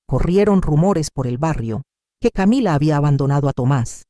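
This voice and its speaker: An older woman tells a dramatic story in the first person, expressive and full of feeling. Her pitch swings widely, and her tone is mellow and warm. The recording is dry and close, with no room sound. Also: brisk, dry recording. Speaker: narrator.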